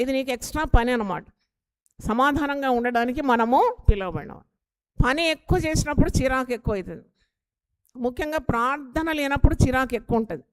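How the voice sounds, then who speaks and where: Woman pastor, earnest and exhorting sermon delivery, voice a touch high. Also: clean tone. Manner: earnest, exhorting, with rhetorical questions.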